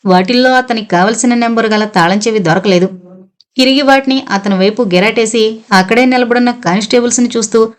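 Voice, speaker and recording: A woman narrating a suspense novel as an audiobook, in a steady, even storytelling manner. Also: on the high side, a little fast.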